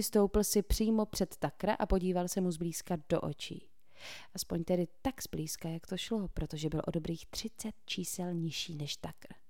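A woman narrating a novel aloud, reading in a steady, clear way. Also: lowish voice, dry recording, clean studio sound. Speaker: audiobook narrator. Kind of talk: scripted narration.

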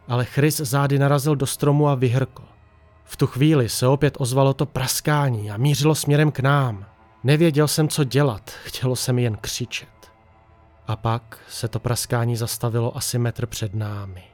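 A man narrates a first-person horror story in a hushed, tense manner. His voice sits at an ordinary pitch. Faint music plays underneath. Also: steady tone.

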